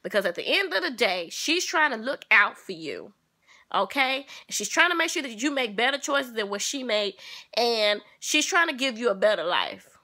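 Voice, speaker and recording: A woman vlogger telling a personal story to her viewers in an animated, sassy way. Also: a little high, moderate pace. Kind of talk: casual storytelling.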